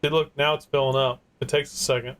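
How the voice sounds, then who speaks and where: A man's voice: medium pitch, little pitch movement, fast, fairly bright tone. A man playing along on voice chat, chatting in an easygoing way about the game. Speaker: co-player on voice chat. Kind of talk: casual gameplay chat.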